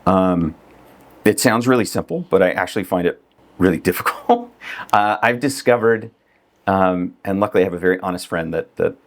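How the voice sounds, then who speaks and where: A man's voice: sits low, moderate pace. A middle-aged man, a real estate agent, talking casually as a podcast guest, with lots of fillers and frequent laughs. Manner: conversational, laughs often, many fillers.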